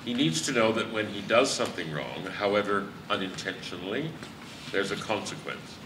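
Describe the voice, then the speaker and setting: A man playing a steady, measured chief inspector on a live stage, picked up in an echoey hall from a distance. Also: on the low side, background noise, lightly acted. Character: calm, firm male chief inspector. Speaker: stage actor. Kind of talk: amateur stage play.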